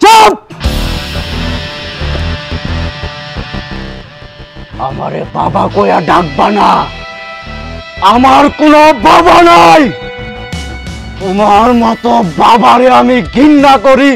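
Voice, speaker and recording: A man acting a heartbroken son who cries and begs over his mother's body, in speech. His voice sits high and gravelly, and his words come slowly. Loud music plays under him. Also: big pitch swings, exaggerated voice. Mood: bitter anger. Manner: wailing, sobbing, pleading. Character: grieving young man mourning his dead mother. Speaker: son returned from abroad. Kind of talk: melodramatic short-film acting.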